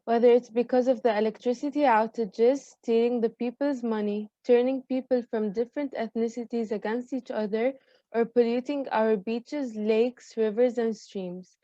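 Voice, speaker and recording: Woman, interviewer and narrator, scripted and measured, dark mellow tone, dull lo-fi dry sound. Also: fairly high pitch, fairly even intonation, no room sound.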